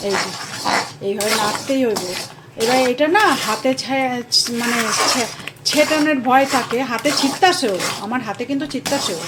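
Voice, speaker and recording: A woman with an East Bengali Bangal accent talks viewers through a recipe in a chatty, homely way, her voice sitting a little high. Loud clatter of pots, cutlery and stirring runs under her words in the kitchen. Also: normal speed, very noisy. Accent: Bangal East Bengali dialect. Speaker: cooking vlogger. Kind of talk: casual cooking demonstration. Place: home kitchen.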